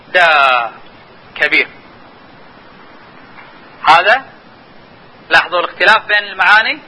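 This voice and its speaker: Fast, bright-voiced male lecturer. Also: high voice, breathy edge, low-quality recording. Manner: explanatory, repeatedly urging listeners to watch and notice. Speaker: linguistics lecturer. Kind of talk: classroom lecture.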